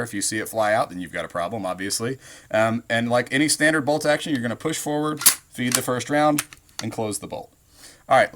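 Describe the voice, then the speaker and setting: A man's voice: medium pitch, fairly bright tone. A man hosting a casual demonstration video at an outdoor shooting range, joking in a laid-back way with frequent ums. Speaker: video host.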